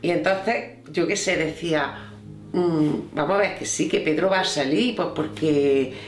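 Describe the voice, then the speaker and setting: A woman from Spain, a hospital colleague, speaking in a reflective, measured way in a documentary interview. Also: low voice. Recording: roomy room with faint music.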